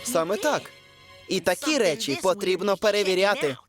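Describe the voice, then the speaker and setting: A man's voice: high-pitched, very animated, normal speed, over loud music. A man voicing a cocky young male hedgehog hero in a cartoon dub, wisecracking.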